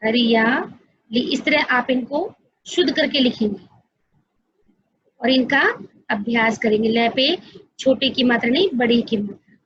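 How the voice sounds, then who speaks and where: A woman's voice: on the high side, measured pace, long pauses, fairly bright tone, slightly rough, no echo, lo-fi sound. A woman teaching an online class to young children, explaining patiently step by step and often addressing them directly. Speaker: school teacher.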